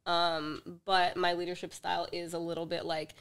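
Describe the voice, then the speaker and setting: A woman director chatting as a podcast guest, telling animated stories and acting out the other people in them. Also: on the low side, moderate pace, smooth. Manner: animated storyteller who acts out dialogue with laughs. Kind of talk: casual podcast chat. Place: podcast studio.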